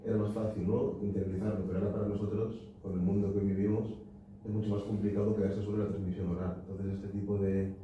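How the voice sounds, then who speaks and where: A man's voice: fairly low pitch, flat delivery, fast talker, a little hiss or hum. A young man in the audience asking a long, hesitant question at a book talk, full of fillers and tag questions. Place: lecture hall at a cultural society. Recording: echoey hall, distant and dull.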